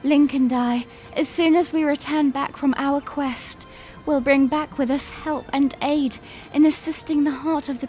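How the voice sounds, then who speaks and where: A woman with a high, slightly mellow voice plays a young fantasy princess in a fan audio drama. She delivers stately, earnest phrases of formal oratory, like a resolute leader, with music beneath her.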